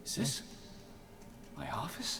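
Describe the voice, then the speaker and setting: A man's voice: measured pace, background noise, natural voice. An actor playing a tired, hesitant man lost in a jungle in a video game. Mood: weary.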